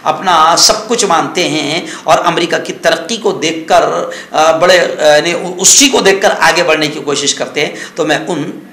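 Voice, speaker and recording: A male cleric from India, his voice high and bright with an echo, talks at a measured pace with few pauses. His news commentary feels like an informal sermon: exhortative, scolding and chatty, built on rhetorical questions and repetition.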